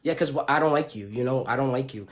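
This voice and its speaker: A young man talks straight into his phone, rambling through a school story with lots of fillers and restarts. He stumbles over words and drops curses freely. His voice sits at an ordinary middle pitch. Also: quick pace. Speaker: vlogger telling a school story.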